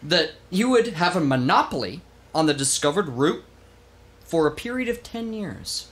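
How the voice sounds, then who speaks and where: Animated man telling history on a podcast. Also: fairly high pitch, moderate pace. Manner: animated storyteller, swears freely. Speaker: podcast host. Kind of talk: casual history podcast chat.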